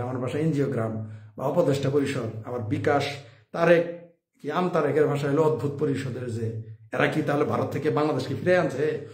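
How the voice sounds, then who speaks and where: A man's voice: fairly high pitch, a little mellow. Man giving opinionated commentary. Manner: rhetorical questions, chuckles at own points. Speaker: political commentator. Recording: roomy, echoey room sound.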